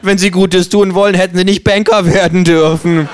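Ein Mann, der ein freches, zynisches männliches Känguru spricht, sarkastisch und provokant. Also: male voice, steady tone, moderate pace, clear, resonant tone, natural voice. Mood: sarcastic. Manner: sarcastic, provocative, shrill high voice. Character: brash, cynical male kangaroo.

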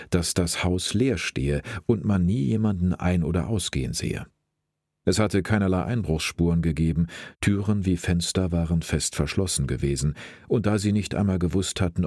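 A man reading a crime story aloud in a steady, measured narration. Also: deep voice, slightly rough, no echo, clean studio sound. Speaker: audiobook narrator.

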